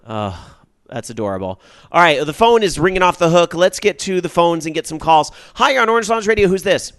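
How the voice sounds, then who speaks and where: A man hosting a casual gaming radio show, reading tweets and taking calls, his voice jumping up when excited. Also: a little high, a little fast, clear, resonant tone, no room sound. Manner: excitable, voice jumps up when happy. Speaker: podcast host.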